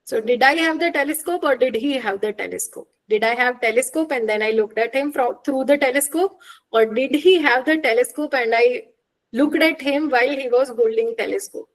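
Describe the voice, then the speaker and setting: Woman, online lecture, fairly high voice, explains with examples, asks quick check questions. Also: poor audio. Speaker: teacher. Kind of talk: online exam-prep lecture.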